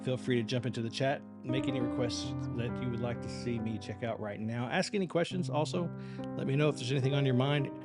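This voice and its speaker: A man with a mid-pitched voice talks casually to viewers as the host of a reaction livestream. He rambles in a halting, conversational way, and music can play behind him. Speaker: live-streaming reaction channel host. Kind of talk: casual unscripted livestream chat.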